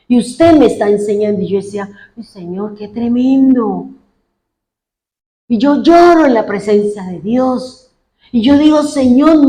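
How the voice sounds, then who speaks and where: A woman's voice: fairly high pitch, darkish tone. A woman pastor preaching a fervent sermon, retelling what congregants said and praying aloud as she goes. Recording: echoey room.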